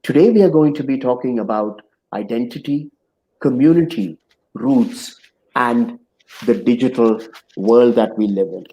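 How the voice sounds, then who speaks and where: Slow, reflective middle-aged male host. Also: medium pitch, warm tone, rough recording. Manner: measured, reflective, philosophical. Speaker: host and interviewer. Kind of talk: reflective interview hosting. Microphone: video call.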